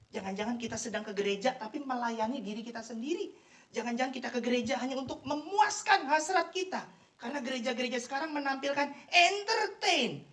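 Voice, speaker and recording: A woman preaching a sermon, animated and emphatic, with joking asides. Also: on the high side. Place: office worship room. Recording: echoey room, mic far off.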